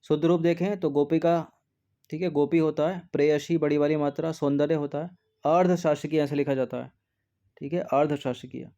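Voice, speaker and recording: Mellow-voiced man explaining test answers. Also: on the high side, steady tone, normal speed, highs cut off. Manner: patient, repeats "theek hai" often. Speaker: exam prep teacher.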